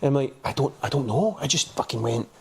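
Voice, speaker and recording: A man's voice: mid-range voice, expressive, fast talker, gravelly, darkish tone, breathy edge. A Scottish man co-hosting a podcast, telling sweary, rambling stories in casual chat with lots of restarts. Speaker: podcast co-host.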